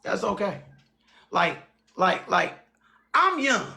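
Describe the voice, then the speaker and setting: A man's voice: sits high, big pitch swings, takes it slowly, creaky, bright, forceful tone, echoey room. A man in his forties hosting a livestream, talking bluntly and repeating phrases and names for emphasis. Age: 40s. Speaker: livestream host. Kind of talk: heated livestream chat.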